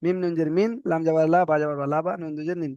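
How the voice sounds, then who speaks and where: A man teaching Quran reading, spelling out syllables slowly one by one and often checking that the students follow. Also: fairly high pitch, little pitch movement, a little mellow, clear, resonant tone, dry recording, muffled recording. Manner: slow, drawn-out letter-by-letter spelling with repeated checks. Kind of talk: spelling-out recitation lesson.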